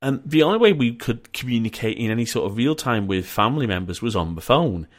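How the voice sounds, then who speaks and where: A Yorkshire man from the North of England hosts a casual podcast chat over an internet call. His medium-pitched voice swings widely in pitch at a slightly fast clip as he rambles chattily, tossing in joking asides.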